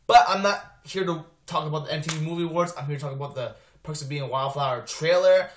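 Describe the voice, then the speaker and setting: A man's voice: on the high side, quick pace, reverberant, slight background noise. A young man casually reviewing a movie trailer for his vlog, rambling with many filler words and restarts. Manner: rambling, lots of ums and restarts. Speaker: movie vlogger.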